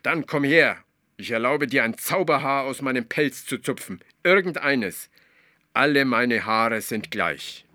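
An imperious magical creature from a storybook, loud and a little raised in pitch. A man puts it on, barking orders and scolding with bright, forceful edges. The voice sounds close and dry. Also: animated, measured pace, no room sound. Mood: granting. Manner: commanding, scolding. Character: bossy, vain magical hairy milk creature.

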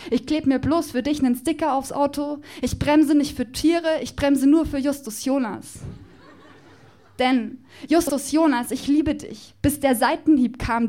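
High-voiced woman performing spoken word. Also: darkish tone. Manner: playful, rhythmic, mock-passionate delivery. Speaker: poetry slam performer.

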